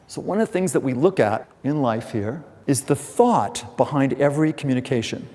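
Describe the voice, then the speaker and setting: A man's voice: medium pitch, animated, moderate pace, warm tone. A man giving a communication seminar to a live audience, telling anecdotes, acting out other people's lines and asking the room questions. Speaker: communication trainer. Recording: long hall reverb, faint background music.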